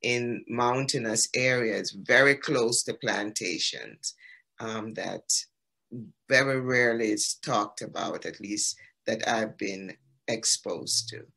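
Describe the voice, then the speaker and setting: A man from the Caribbean, an exhibiting artist, explaining history and textiles in an unhurried, storytelling way over a video call gallery talk. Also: on the low side, vocal fry, pushed and bright. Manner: storytelling, explanatory with frequent ums.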